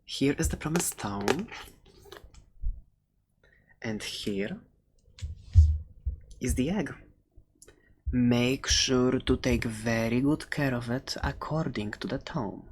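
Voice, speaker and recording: Coaxing and friendly in mood, this ASMR performer plays a furry animal shopkeeper with soft, halting speech that frequently drops to a whisper, doting with a menacing edge. The pitch is medium, the acting light, and there's slight background noise.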